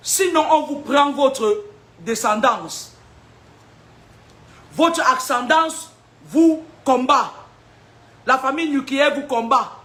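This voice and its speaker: A woman's voice: high voice, slow pace, pauses often, fairly bright tone. A woman, a spiritual seer preaching warnings in an emphatic, combative way, with rhetorical questions and frequent laughter. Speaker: spiritual seer giving prophecies.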